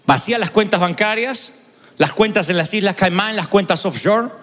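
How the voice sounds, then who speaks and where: A male preacher voicing God as a gentle, conversational man who coaxes and corrects. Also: high voice, normal speed, pitched above the performer's own voice. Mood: coaxing. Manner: conversational, coaxing. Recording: long hall reverb.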